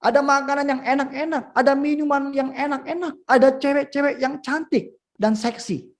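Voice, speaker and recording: A male pastor preaching a sermon at a school, telling stories with lively swings in pitch and volume. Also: moderate pace. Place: school event.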